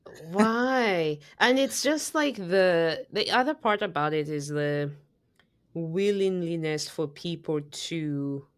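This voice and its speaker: A woman from Zambia, co-hosting a casual podcast, tells a long story slowly in a low, deep voice packed with "like," fillers and false starts. The recording is dry and close, with no sense of the room.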